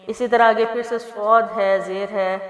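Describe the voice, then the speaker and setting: A woman teaching Quran recitation, explaining each letter patiently and then chanting the verses slowly and melodically. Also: mid-range voice, steady tone, soft background music. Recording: echoey room with long reverb.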